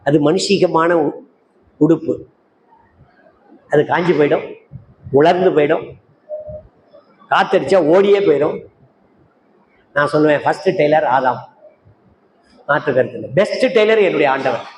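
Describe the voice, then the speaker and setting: A man's voice: fairly high pitch, moderate pace, pauses often. An older man preaching a sermon as an evangelist, firing rhetorical questions at the congregation and calling out to listeners by name. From Tamil Nadu, India. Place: church meeting hall. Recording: echoey hall with faint noise.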